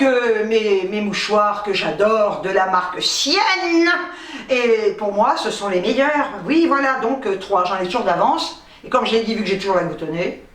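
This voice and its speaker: Rambling playfully and swearing a bit, a middle-aged woman from North Africa vlogs a casual, chatty grocery haul. She speaks at a medium pitch with a slightly bright tone. The recording sounds roomy, as if captured from a distant microphone.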